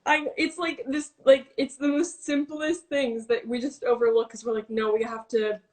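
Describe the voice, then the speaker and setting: A young woman with a slightly raised pitch chats over a phone video call. She is eager and agreeable, jumping in quickly to echo and build on what she hears. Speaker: livestream co-host. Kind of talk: casual chat.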